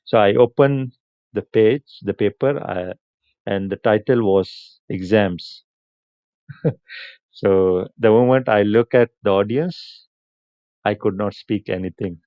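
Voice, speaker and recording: This clip features a livestream host, a man whose native language is Punjabi, talking with viewers in a leisurely, friendly manner and laughing regularly as he answers comments. His smooth, clear voice sits low. The sound is dry, a touch muffled, and has no echo.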